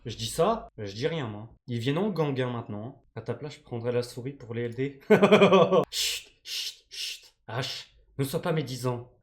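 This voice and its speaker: A man's voice: mid-range voice, lively intonation, moderate pace, few pauses. A man from France streaming a game live, chatting with his viewers in slangy, joking banter. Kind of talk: live-stream gaming commentary.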